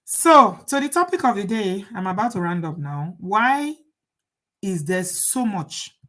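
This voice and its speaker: A middle-aged woman from Edo State, Nigeria, hosts a casual live chat, reading viewer comments and asking rhetorical questions. Her mid-range voice is very animated, a bit bright, and a little slow, and she's chatty and laughs at the topic.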